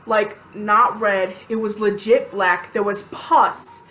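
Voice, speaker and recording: A woman telling a personal story to camera in a casual, animated, chatty way, venting bluntly and acting out quotes. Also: medium pitch, slow pace. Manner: animated, chatty, lots of fillers and acted-out quotes.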